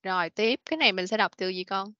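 A woman's voice: medium pitch, bright, forceful tone, no room sound. A woman teaching children English in an online class, patiently correcting pronunciation and repeating words. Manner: patient, repeats words slowly, frequent "rồi, ok". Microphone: video call meeting recording. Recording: dull, dry lo-fi meeting recording.

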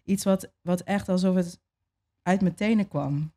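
A young adult woman being interviewed, telling a personal story in a relaxed way, with many fillers and restarts. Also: on the low side, a little slow. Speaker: interview guest.

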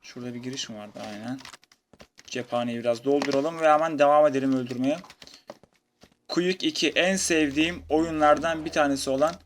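A man commentating his own playthrough of a shooter game in a casual, chatty way, taunting enemies and breaking into excited shouts. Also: a little high, fairly quick. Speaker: gamer playing through a retro shooter. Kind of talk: casual let's-play commentary. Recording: noisy, game gunfire behind. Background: video game gunfire and keyboard clicks.

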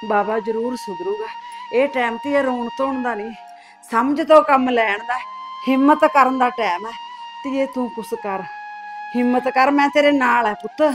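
Over background music, a middle-aged woman with a slightly high voice at normal speed lightly acts the role of a grieving mother-in-law in a short family drama. Through tears she soothes and pleads with her son's wife, offering tearful comfort.

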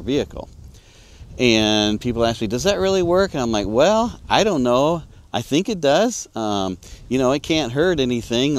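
A middle-aged American man with a smooth, medium-pitched voice hosts a vlog about ham radio, his hobby. He explains it casually in a plain, folksy way, recording outdoors in an open field and partly from inside a parked car.

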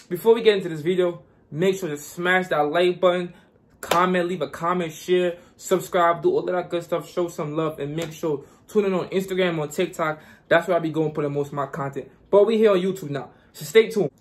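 A man's voice: high-pitched, fairly quick. Hyped young man from Guyana. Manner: repetitive, hyped, preachy. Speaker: vlogger. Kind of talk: casual motivational vlog.

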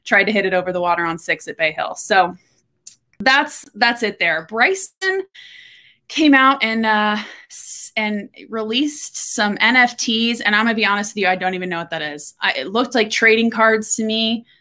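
Sitting in a room at home, a young woman from Texas chats directly to her webcam in a casual solo talk. She has a bright, forward voice of medium pitch and runs through the week's news like a golf podcast co-host, candid and full of quick jokes.

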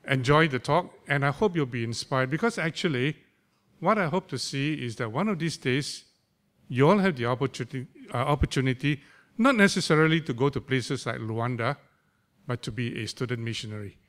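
A man's voice: medium pitch, animated, fairly quick, fairly bright tone. An older man, introducing a speaker in a church hall, teasing and using local slang. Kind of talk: informal introduction. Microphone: stand mic.

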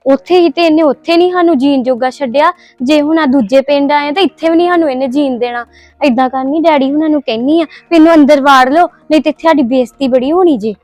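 Woman acting young daughter-in-law, high voice, answering back, dry, faint music. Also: fast, darkish tone, no room sound, lightly acted. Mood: anxious. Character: young daughter-in-law, defiant but worried. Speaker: actor. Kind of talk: village family drama acting.

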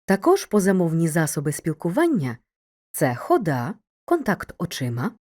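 A woman narrates a school video lesson in a clear, measured way, speaking straight to the student. Her voice sits low and mellow. Her intonation rises and falls in wide, lively swings. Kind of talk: scripted educational narration.

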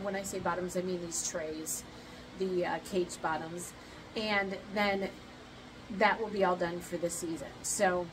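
Chatty middle-aged woman, distant mic. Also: medium pitch. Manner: chatty, many ums, restarts. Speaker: rabbit keeper vlogger. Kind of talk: casual vlog talk. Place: barn with cement floor, then outdoors in a yard. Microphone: camera a little way off. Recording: distant camera mic with steady background noise. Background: passing motorcycles and outdoor ambience.

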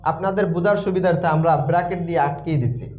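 Man, Quran reading teacher, high voice, sing-song repeated chanting, echoey dull recording. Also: steady tone, racing, darkish tone. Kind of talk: recitation lesson, chanting letter sounds. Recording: echoey room, slightly dull sound.

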